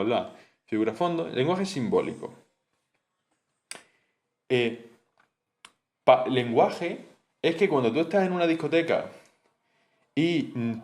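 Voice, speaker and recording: Chatty young man explaining lessons. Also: mid-range voice. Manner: chatty, rambling, with frequent fillers and "¿no?" checks. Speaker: student explaining course material. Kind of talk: casual spoken study lesson.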